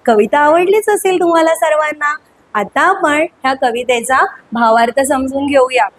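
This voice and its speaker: A woman teacher singing a children's poem slowly, then explaining it briskly to children with many questions. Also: high voice, low-quality recording. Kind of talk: school poem lesson, sung then explained. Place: school classroom.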